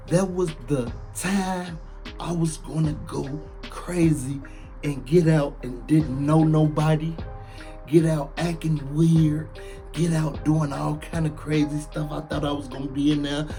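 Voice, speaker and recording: Late 30s guy rapping about doing time, loose slang, says stuff twice for emphasis, bit of music in the back. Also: on the high side. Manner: animated, slangy, repeats lines for emphasis. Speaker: former prisoner telling his story. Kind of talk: casual storytelling to camera.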